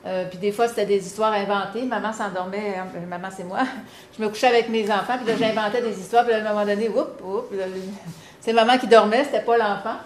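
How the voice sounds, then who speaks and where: A woman with a Quebec French accent giving an animated, encouraging talk to parents, with frequent fillers. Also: medium pitch, a little fast. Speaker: presenter on reading to children. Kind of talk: lively instructional talk. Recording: echoey room, faint background hum.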